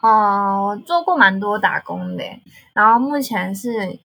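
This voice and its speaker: A young woman with a Taiwanese accent, casually telling stories in conversation in an animated way. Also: mid-range voice, a little slow, creaky, husky. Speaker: guest, language tutor.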